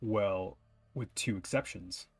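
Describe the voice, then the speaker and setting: A man's voice: lowish voice, takes it slowly, slightly rough. Wry casual young man streaming a game. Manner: casual, wry, swears in asides. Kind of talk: reading game dialogue aloud and commenting. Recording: faint game music behind.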